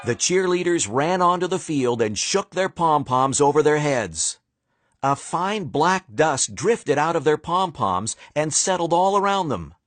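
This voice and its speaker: A man narrating a children's storybook in a playful, animated way, with dramatic pauses. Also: on the high side.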